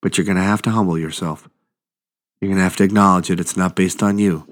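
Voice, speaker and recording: Animated man preaching a sermon, lowish voice. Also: quick pace. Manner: animated storytelling, acts out quotes, conversational asides.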